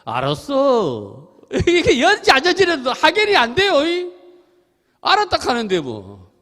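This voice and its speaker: A middle-aged Buddhist monk with a Gyeongsang accent, giving a chatty sermon that mixes stories and teaching, laughing often and asking the listeners questions. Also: male voice, very high-pitched, wildly swooping pitch, unhurried, bright, forceful tone. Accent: Gyeongsang Korean. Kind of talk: sermon with storytelling. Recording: temple hall with long reverb.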